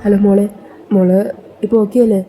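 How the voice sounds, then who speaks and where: A sorrowful, ailing mother, as a woman storyteller voices her pleads softly in a serial retelling. The voice is dark and mellow, and the lines come quickly. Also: medium pitch, flat delivery, a little hiss or hum, close to an everyday voice.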